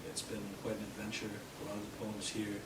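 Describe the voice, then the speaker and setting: A young man from Canada giving a live poetry reading in a bookshop, hesitant with fillers between poems and steady in his verse. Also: fairly low pitch, brisk. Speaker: poet. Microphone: distant from the mic. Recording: roomy, distant, noisy live room sound.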